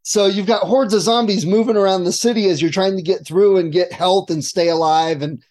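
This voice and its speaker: A man co-hosting a casual talk show, telling an animated story and laughing often. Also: sits high, fairly quick. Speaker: podcast co-host.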